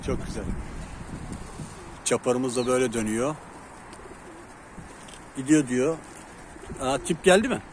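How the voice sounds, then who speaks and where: A man filming his pigeon loft outdoors in a city, chatting casually and calling loudly to coax his birds in. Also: mid-range voice, expressive, a little slow, long pauses. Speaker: pigeon keeper and channel host. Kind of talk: casual outdoor vlog chat. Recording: noisy outdoor recording. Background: birds and city traffic.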